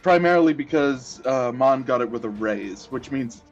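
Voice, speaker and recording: A man's voice: medium pitch, expressive, normal speed, faint music behind. A man narrating a tabletop game as game master, explaining rules with easy laughter. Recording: dull lo-fi audio.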